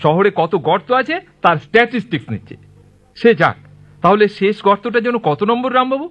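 A man's voice: sits high, lively intonation, a little fast. An actor playing a callous, complaining male junior municipal worker, exasperated in a comic audio drama. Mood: wry complaining. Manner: exasperated, agreeable to his colleague. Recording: dull lo-fi recording.

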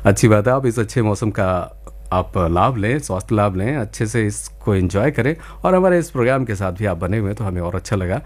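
A man's voice: lowish voice, expressive, fairly quick. A man hosting a live radio phone-in quiz, politely encouraging and wordy, slipping some English into his talk.

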